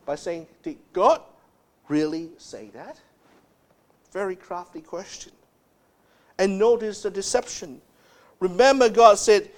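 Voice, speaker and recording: A man preaching a sermon as pastor, speaking emphatically and dropping low and soft to stress key words.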